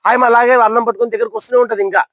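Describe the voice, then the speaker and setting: A man's voice: extremely high pitch, steady tone, rapid-fire, fairly bright tone, dry recording. A young man telling a motivational story to listeners, asking them questions and acting out characters' lines.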